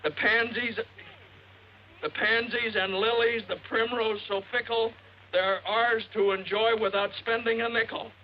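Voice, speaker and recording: A man's voice: very high-pitched, steady tone, unhurried, a little hiss or hum. An actor playing a man reciting a sweet poem over the radio in a 1940s film, in a sing-song lilt. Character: man reading a sugary poem on the air. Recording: muffled old film soundtrack.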